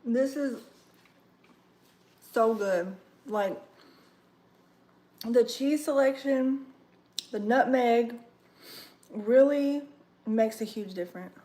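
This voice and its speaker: A young woman chatting casually on a kitchen livestream, full of fillers and savoring her food out loud. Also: on the high side, drawn-out words, pauses often. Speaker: livestream host. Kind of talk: casual livestream cooking chat. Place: home kitchen.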